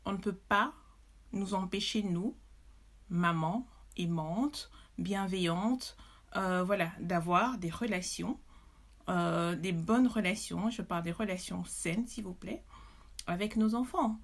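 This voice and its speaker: A woman's voice: fairly low pitch, slow. Woman telling her story, upset and indignant, lots of "euh". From Belgium. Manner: emotional, indignant, with many hesitations. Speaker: mother testifying. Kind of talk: personal testimony to camera.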